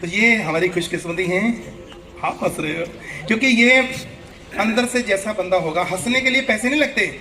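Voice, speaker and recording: A man's voice: sits high, normal speed, pushed and bright, faint music behind. A middle-aged man doing live stand-up comedy. He chats and jokes, and he acts out the people in his stories. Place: event hall before an audience. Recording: live show with crowd noise. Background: audience laughter.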